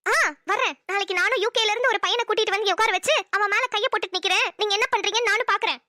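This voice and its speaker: A woman's voice: very high-pitched, rapid-fire, bright, forceful tone. A woman voicing a hot-tempered young wife in a cartoon, a medical student who scolds and threatens sharply. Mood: scolding. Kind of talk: cartoon voice acting.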